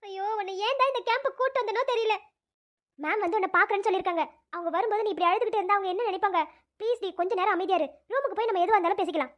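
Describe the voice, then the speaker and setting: An anxious young female student in a cartoon, put on by a woman pleads and apologises. Her voice is shrill and very high. She talks fast and gets flustered. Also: fairly bright tone. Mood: coaxing. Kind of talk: cartoon voice acting.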